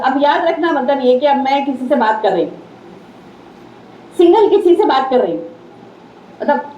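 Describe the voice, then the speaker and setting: Woman teacher from India, Deccani Urdu accent, high mellow voice, religious lecture in a roomy, slightly dull hall recording. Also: a little hiss or hum. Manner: conversational, repeats key phrases. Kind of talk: Islamic lecture.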